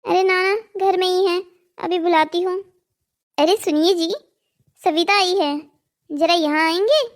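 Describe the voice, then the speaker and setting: A woman's voice: very high-pitched, steady tone, measured pace. A woman voicing a wealthy, condescending village wife in a cartoon drama. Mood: teasing. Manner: teasing, condescending.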